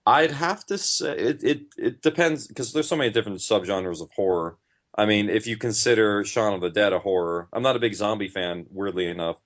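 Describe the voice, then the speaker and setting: A podcast writer and director talks briskly in a fairly low voice, chatting informally and rambling with enthusiasm as an interview guest, recorded on dull, lo-fi audio.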